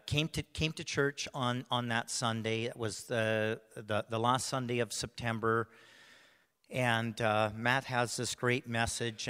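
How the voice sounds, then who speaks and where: Man with a cough, halting. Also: mid-range voice, sharp tone, smooth. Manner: halting, with many restarts and fillers. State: bad cough, clears throat. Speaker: church member sharing a testimony. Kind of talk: personal testimony told to a congregation. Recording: long reverb of a large hall.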